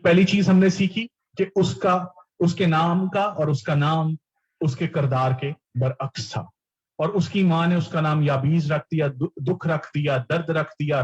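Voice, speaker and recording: A man's voice: on the high side, slightly rough, highs cut off. A man preaching a sermon, explaining scripture and repeating key words, often mixing English terms into his teaching.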